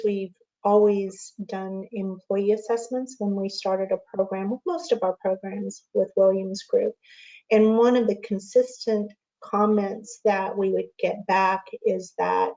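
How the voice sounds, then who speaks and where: Mellow-voiced woman consultant, earnest. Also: mid-range voice, muffled recording. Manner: earnest, searching for words with restarts. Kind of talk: panel discussion.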